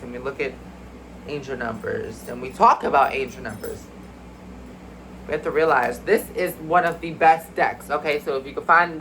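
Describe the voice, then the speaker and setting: A spiritual card reader rambles through a casual video, speaking mystically and chattily to viewers she calls y'all. Her medium-pitched voice is bright and forceful but a bit congested. The recording is rough, with slight background noise.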